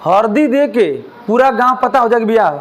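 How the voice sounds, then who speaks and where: High-voiced man teaching a class. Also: normal speed, slight background noise. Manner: asks the class questions, jokes and mimics lisping children. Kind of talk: classroom lecture. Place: classroom with students.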